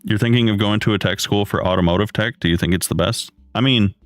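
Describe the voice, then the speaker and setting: Male streamer, thirties, deep and low, relaxed rambling chat, dry close mic. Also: fast talker, dry recording. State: has the hiccups. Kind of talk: casual live-stream chat while building. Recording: dry close mic, faint music behind.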